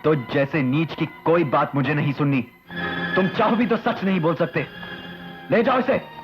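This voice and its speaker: Actor as a righteous cop, high-ish, declamatory, muffled vintage film sound. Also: male voice, animated, moderate pace, natural voice. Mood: stern. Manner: forceful, declamatory dialogue delivery. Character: stern, righteous police inspector. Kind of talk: 1980s Hindi film dialogue. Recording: dull old film soundtrack with music.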